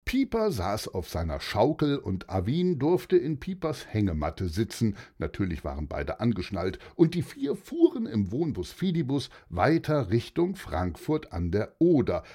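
A man narrating a children's story who speaks gently and addresses young listeners directly. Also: mid-range voice, huge pitch swings, unhurried, few pauses, husky.

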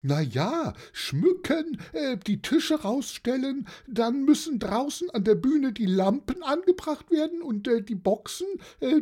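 A narrator voicing a cheerful, excitable elderly aunt who chatters with little "äh" fillers, in a storybook reading. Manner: bubbly, high and excited, with hesitant "äh" fillers. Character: cheerful elderly aunt hosting a birthday party.

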